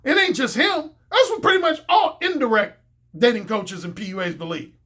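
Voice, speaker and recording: A man's voice: very high voice, expressive, moderate pace, pushed and bright, slightly rough. A man giving a casual, opinionated video monologue as a dating coach, confident and blunt, repeating points for emphasis.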